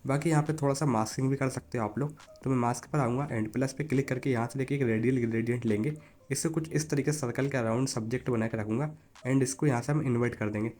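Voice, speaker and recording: Mid-range and a bit mellow, this man's voice guides viewers through a phone photo editing app one step at a time. His tone is casual and talkative; he calls his audience "buddy" (यार) and often instructs them to look.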